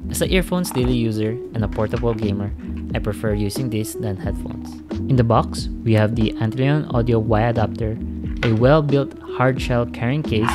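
Male gadget reviewer, friendly and casual, addresses viewers directly, medium pitch, music running underneath. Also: normal speed. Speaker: tech reviewer. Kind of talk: product review narration. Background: background music.

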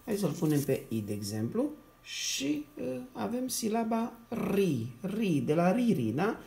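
A man with a dark, mellow voice and a touch of gravel, giving a reading lesson to young children. His pitch rises and falls a lot as he sounds syllables out slowly and repeats them. He keeps checking in with the class in a patient, encouraging way. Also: very animated. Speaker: primary school teacher.

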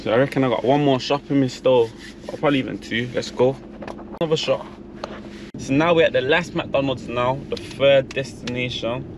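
With fairly even intonation and a moderate pace, a young British man with a mid-range voice chats slangily in his car as a prank vlogger hitting drive-throughs. Around him the car is noisy with engine sound and outdoor hum.

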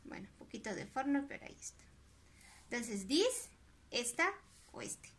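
A woman with a Mexican Spanish accent, teaching English to small children in a recorded online class, drilling words slowly with long drawn-out pronunciation. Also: on the high side, big pitch swings, breathy edge.

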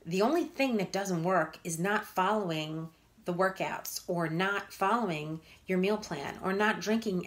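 A woman in her fifties, a fitness and nutrition coach, giving blunt, emphatic motivational talk to viewers on a live stream. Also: fairly low pitch. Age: 50s. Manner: blunt, emphatic, repeats points for punch.

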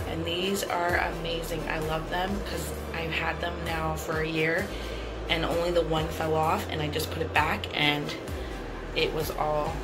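A cleaning vlogger, an adult woman with a son, chats upbeatly while displaying her freshly cleaned bathroom, often repeating herself in this show-and-tell vlog. She has a low voice, the recording is rough, and music plays in the background.

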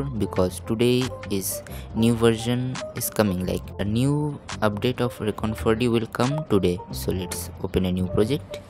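Slow, calm, low-voiced man with creaky edge. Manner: slow, calm, hushed talk; halting, thinking aloud while demonstrating. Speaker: tutorial host. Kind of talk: software tutorial voiceover. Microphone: microphone held close to the mouth.

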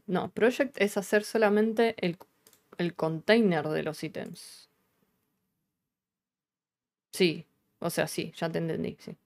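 A woman with a Rioplatense Argentine accent, her voice sitting a little low. She hosts a casual live coding stream, talking her way through the work. She thinks aloud and swears without a second thought. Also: a little mellow. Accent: Rioplatense Argentine Spanish.

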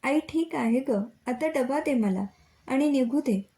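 Young student in a storybook reading, quick and affectionate, fairly high mellow voice, done by a woman narrator. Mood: hurried. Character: young female college student, hurried and caring.

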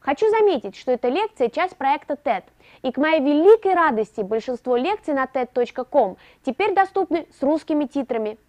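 Lively high-voiced young woman reviewing gadgets. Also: a little fast. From Russia. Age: early 20s. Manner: lively, expressive delivery with rising emphasis. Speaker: tech show host. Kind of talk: scripted tech review narration.

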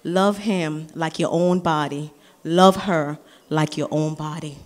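Slow, fervent woman giving a wedding toast. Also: sits low, fairly even intonation. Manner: slow, builds to shouted declarations. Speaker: groom's sister giving a toast. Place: wedding reception hall.

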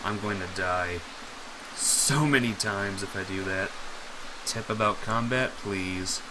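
A man's voice: fairly low pitch, slow, noisy background. A man streaming a horror game with casual, self-deprecating commentary, jumpy and scared as he talks to his viewers.

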